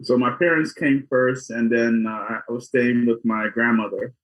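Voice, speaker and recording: A man in his forties from Guyana, a doctor, recounts his life story plainly and matter-of-factly as a guest in a casual interview. His mid-range voice holds a steady tone at a moderate pace. The audio is dull and lo-fi.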